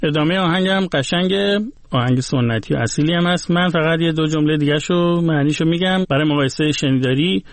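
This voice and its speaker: A man's voice: fairly high pitch, dry recording, soft background music. A man hosting a talk show, reading song lines aloud and translating them word by word. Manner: explains words slowly, reads lines aloud and translates them. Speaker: podcast host explaining Gilaki lyrics. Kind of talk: casual explanatory talk.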